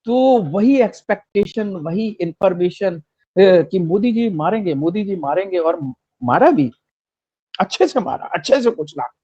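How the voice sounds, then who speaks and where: A man with a high voice delivers fervent political commentary, hammering his points with repeated phrases. He sounds close and dry, with no room echo. The sound is a little dull and muffled. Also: lively intonation, measured pace, warm tone, slightly rough. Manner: rhetorical, emphatic, repeats phrases for effect.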